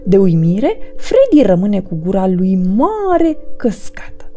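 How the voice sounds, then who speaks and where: Mellow woman narrating a storybook. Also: medium pitch, soft background music. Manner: gentle, expressive read-aloud.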